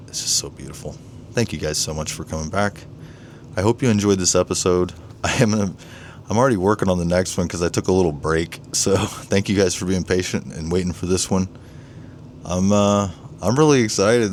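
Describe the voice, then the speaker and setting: Eager deep-voiced man showing his grow tents. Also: a little hiss or hum. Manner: enthusiastic, keeps saying "ladies and gentlemen". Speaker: home grower vlogger. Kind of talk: casual show-and-tell vlog. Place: indoors beside grow tents.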